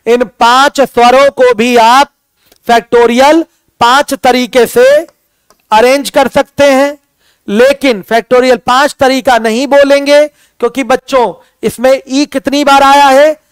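A man's voice: very high-pitched, fairly even intonation, measured pace, clean tone, dry recording. A man teaching a math lesson, addressing students as his children and asking questions he then answers himself. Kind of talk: classroom lecture.

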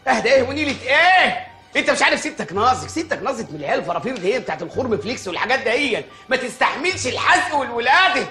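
A ranting Egyptian village mayor. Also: male voice, very high voice, expressive, very fast, soft background music, exaggerated voice. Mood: exasperated. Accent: Egyptian Arabic. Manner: loud comic ranting and pleading. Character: bumbling, short-tempered village mayor, middle-aged man.

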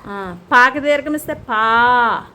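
Chatty mother with a high voice. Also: a little fast. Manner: patient, coaxing teacher, chatty toward viewers. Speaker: vlogger and mother. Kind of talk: casual home vlog chat. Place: home kitchen.

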